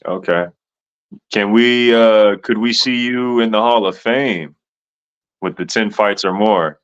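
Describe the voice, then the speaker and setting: A man hosting an interview, asking questions in a relaxed, laid-back way. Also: fairly low pitch, slow, smooth. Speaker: podcast host. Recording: dull lo-fi sound.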